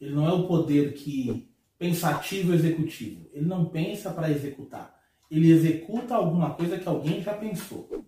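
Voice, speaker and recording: A man's voice: on the high side, a little fast, mellow. A man from Brazil on a podcast panel, arguing his points emphatically in a heated roundtable debate and repeating words as he builds up. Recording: echoey room, mic at a distance.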